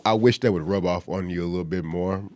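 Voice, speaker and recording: A man's voice: low-pitched, fast talker, darkish tone, dry recording, studio quality. A man co-hosting a casual podcast, laid-back and dryly teasing. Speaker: podcast co-host.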